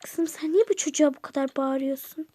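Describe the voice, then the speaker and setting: Doting aunt, a woman doing the voice, toy game role-play, affectionate, high-pitched. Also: a little fast, warm tone, no echo, clean studio sound, close to an everyday voice. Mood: fond. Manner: affectionate, fussing, calls everyone dear. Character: kind caring aunt, middle-aged woman.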